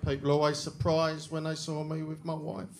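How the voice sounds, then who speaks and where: A middle-aged man with a London accent doing a deadpan, self-deprecating stand-up set on a club stage, speaking into a handheld mic. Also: on the high side, moderate pace, some chatter behind. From England. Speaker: stand-up comedian. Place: comedy club stage with a live audience. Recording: loud audience laughter in a club.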